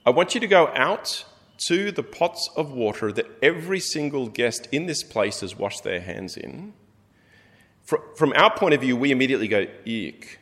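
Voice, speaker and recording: A man preaching a sermon, telling the story in an animated way and acting out the characters. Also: mid-range voice, moderate pace. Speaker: pastor. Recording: long hall reverb.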